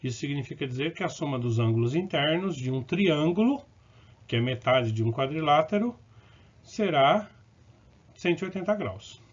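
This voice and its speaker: A man with a fairly high, husky voice works through math problems in a recorded lesson, explaining step by step. He catches and corrects his own mistakes and checks in briefly with the viewer, while the audio stays dull and lo-fi.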